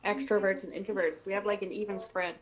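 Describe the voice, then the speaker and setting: A woman's voice: mid-range voice, fairly even intonation, fast. Blunt, dry-teasing woman over noise. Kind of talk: casual chat.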